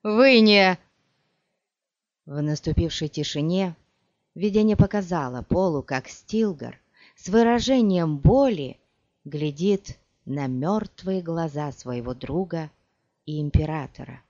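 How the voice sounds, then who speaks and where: An audiobook narrator reading in a slow, measured manner. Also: medium pitch, expressive, mellow, dry recording. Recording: dull lo-fi dry audiobook recording.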